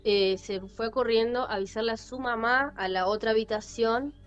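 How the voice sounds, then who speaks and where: A woman's voice: a little high, moderate pace. A woman with a Rioplatense Spanish accent hosting a podcast, telling a story casually and animatedly, with many fillers and repetitions. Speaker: podcast host. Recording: lo-fi with faint music.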